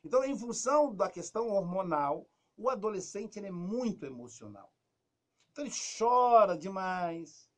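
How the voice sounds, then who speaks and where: A man with a Brazilian Portuguese accent giving casual advice on a talk show, lively, acting out quoted lines and dropping to a soft, low voice. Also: moderate pace.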